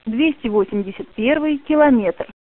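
A woman reading out station names in prerecorded train announcements, heard over the intercom in a clear, formal way. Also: fairly high pitch. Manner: clear, formal, measured naming. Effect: played over a train intercom. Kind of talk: prerecorded station name readouts. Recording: narrow phone-like dry sound.

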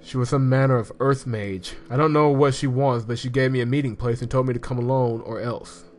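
A man's voice: mid-range voice, steady tone, brisk, close to an everyday voice. A man reading the lines of an earnest young male hero in a game, in his own voice.

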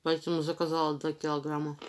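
A woman vlogger chewing chalk as she talks, slowly describing its taste and texture in detail. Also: deep voice, level tone, slight background noise. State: chewing chalk while talking. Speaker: mukbang vlogger. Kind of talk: casual tasting commentary. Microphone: phone.

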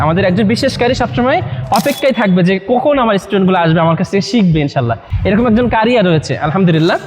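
A man's voice: high voice, big-room sound, a little hiss or hum. A man from Bangladesh presenting a Quran edition to a group of young men, coaxing them with questions. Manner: coaxing, asks listeners questions. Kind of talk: promotional talk to a live group.

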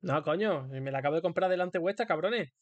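A man's voice: fairly high pitch, expressive, a little fast, no echo, muffled recording. A man with a Spain Spanish accent giving playful, singsong, crude live commentary as a streamer while he plays a game.

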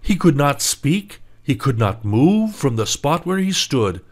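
A man narrating a fairy tale for English learners in a slow, clear and expressive reading. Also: fairly high pitch. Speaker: storyteller.

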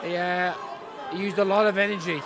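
A man's voice: high voice, steady tone, a little fast, background noise. A man co-commentating a live mixed martial arts fight, reacting in short exclamatory phrases. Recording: loud music and crowd behind voice. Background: loud music and crowd.

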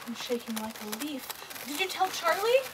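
A woman's voice: sits high, very animated, moderate pace. A woman playing an anxious teenage girl babysitter, confiding in the audience and calling out to the children she watches. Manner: confiding, breathless, and calls out loudly to children. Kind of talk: stage play with monologue to the audience. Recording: loud background noise.

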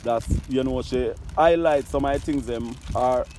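A man's voice: mid-range voice, normal speed. A man with a Jamaican accent hosting a casual outdoor interview and talking straight to his viewers. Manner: chatty, asks questions and addresses viewers directly. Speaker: host of a community channel. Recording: loud outdoor noise.

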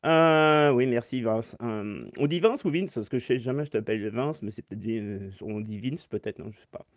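A man's voice: medium pitch, a little fast, no echo, muffled recording. Male music teacher doing a casual live Q&A from his phone, mid-range voice, step-by-step explanations, dry room. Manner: chatty, explains step by step, reads chat comments aloud. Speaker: saxophone teacher. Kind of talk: live-stream Q&A.

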